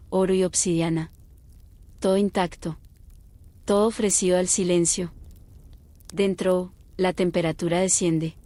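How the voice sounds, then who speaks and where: Reading from a bedtime story script, a woman speaks slowly in a fairly low, hushed and soothing voice, taking her time as if at night. The recording has no echo.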